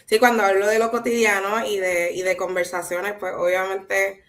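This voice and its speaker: A visual artist appears as a guest speaker, a woman with a Puerto Rican Caribbean Spanish accent. She talks reflectively in a conversational artist talk and keeps checking in with small tag questions. Her voice is medium-pitched and fairly bright, with a level tone and a moderate pace.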